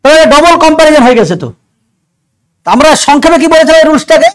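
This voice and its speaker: Man, very high voice, fast-paced, grammar lecture, step-by-step explanations, rhetorical questions. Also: expressive, poor audio. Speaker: grammar teacher. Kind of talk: exam doubt-clearing lecture.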